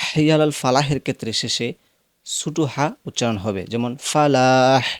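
A man with a Bangladeshi accent teaching how to pronounce the call to prayer, explaining the rules plainly and then chanting long, drawn-out phrases as examples. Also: mid-range voice, dry recording, clean studio sound. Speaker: azan teacher. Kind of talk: instructional teaching with sung demonstrations.

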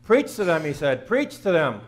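A man in his fifties preaches in front of the altar of a small church sanctuary, his fairly high voice sing-song at a moderate pace. He's earnest and plain-spoken, repeating phrases for emphasis.

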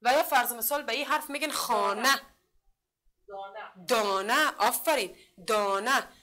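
In a classroom literacy lesson, a woman speaking with an Afghan Dari accent slowly sounds out letters and syllables. Her voice is a little high with a sharp tone, and she repeatedly questions the class and often praises what they answer.

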